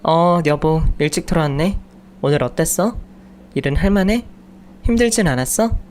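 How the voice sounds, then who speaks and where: A man's voice: fairly high pitch, moderate pace, a little mellow, a little hiss or hum, natural voice. A man voicing an exasperated young wife and mother who nags her jobless husband in a raised voice. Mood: cheerful. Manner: scolding, raised voice.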